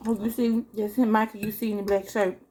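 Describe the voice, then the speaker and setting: Lady chatting with food in her mouth, chewing while talking, soft mellow tone, bit noisy. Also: medium pitch, flat delivery, fairly quick. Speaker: host of an eating video. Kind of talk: casual chat while eating.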